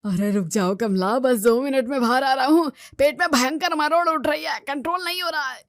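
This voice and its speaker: A woman's voice: high voice, moderate pace, no room sound, studio quality. A woman voicing a stubborn, greedy diabetic father-in-law in his sixties. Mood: desperate. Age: 60s. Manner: coaxing, stubborn.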